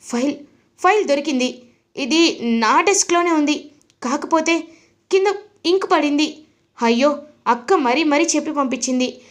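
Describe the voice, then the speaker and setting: A woman voicing an irritable young husband who scolds and shouts at his wife in a TV serial recap. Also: sits high, lively intonation, unhurried, pauses often, pitched above the performer's own voice. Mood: irritated scolding. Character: irritable young husband, a male office boss.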